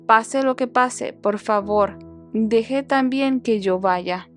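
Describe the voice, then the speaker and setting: A woman's voice: on the high side, takes it slowly, faint music behind. A woman reading the lines of an eager young male messenger, earnest and pleading.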